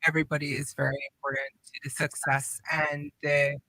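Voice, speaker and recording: A young woman from Guyana who grew up in the Cayman Islands, a hospital operations manager, guests in a radio studio, answering interview questions earnestly and upbeat and explaining at length. Her deep voice is fairly quick, bright and forceful, with little pitch movement. The audio is poor, with no room sound.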